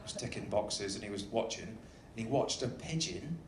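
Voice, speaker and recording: A man in the role of a lively cruise director welcomes a live audience with jokes, speaking through a stage microphone in a large indoor ship venue. His lowish voice is expressive and delivered at normal speed, and the sound carries a roomy echo and faint background noise.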